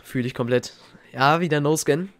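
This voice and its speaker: A young man talks over old gaming clips in an excitable, slang-heavy way, looking back fondly. His voice sits a little higher than most men's. Faint game music plays quietly behind him. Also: moderate pace. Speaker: gaming YouTuber. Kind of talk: casual reaction commentary.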